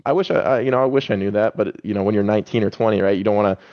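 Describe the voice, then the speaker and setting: A man in his twenties speaking in a casual interview as a guest, relaxed and rambling with many fillers and restarts. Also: lowish voice, racing, lo-fi sound. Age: 20s. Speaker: professional baseball pitcher, guest.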